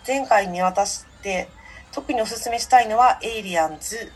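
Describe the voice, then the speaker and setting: A female radio assistant reads listener mail aloud in a polite, measured way. Her voice sits somewhat high and has a soft, breathy quality. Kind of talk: reading a listener letter and chatting.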